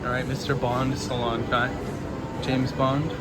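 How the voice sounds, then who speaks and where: A man's voice: medium pitch, level tone, measured pace. A man giving casual commentary as a vlog host walking around a city. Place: busy city streets and shopping malls. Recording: loud music, outdoor city and traffic noise. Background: music, street and vehicle sounds.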